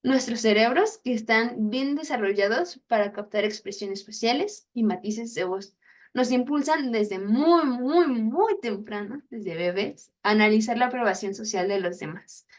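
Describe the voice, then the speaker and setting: Chatty young woman teaching. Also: fairly high pitch. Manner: chatty, acts out inner voices, laughs at herself. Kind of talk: casual teaching talk.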